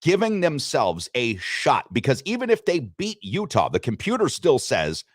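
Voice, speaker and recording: Lively male sports radio host. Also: mid-range voice, normal speed, husky, no room sound, studio quality. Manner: animated, lively delivery with repeated restarts. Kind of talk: sports betting talk.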